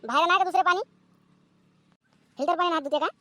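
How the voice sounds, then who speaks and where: A woman voicing a sharp-tongued, nagging village mother in a cartoon comedy. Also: very high-pitched, dry recording. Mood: scolding. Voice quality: nagging, scolding, rapid-fire.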